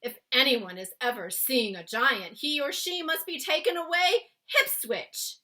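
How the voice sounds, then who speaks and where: A woman voicing a big friendly male giant, excitable and blustering, with garbled folksy grammar, in a children's storybook reading. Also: high-pitched, a little slow, voice pushed up, exaggerated voice. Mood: earnest, emphatic. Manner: garbled grammar, invented words, emphatic. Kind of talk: children's storybook read-aloud.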